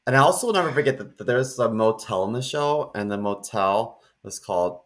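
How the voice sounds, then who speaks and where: A man's voice: fairly low pitch, expressive, fairly quick. Man recounting stories in crude podcast banter. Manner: rambling storyteller, crude jokes. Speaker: podcast co-host. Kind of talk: casual chat.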